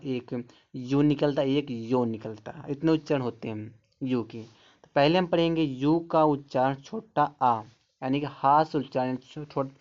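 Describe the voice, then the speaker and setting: A man's voice: medium pitch, darkish tone. A man teaching an English phonics lesson in a mid-range voice. He sounds out and repeats each word patiently before explaining it. The recording is a little dull and lo-fi.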